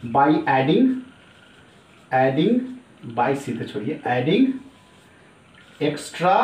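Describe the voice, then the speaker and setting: A middle-aged man teaching a chemistry class, chatty, repeating each term and calling his students sir. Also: medium pitch. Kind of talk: classroom lecture. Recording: echoey room, voice from a distance.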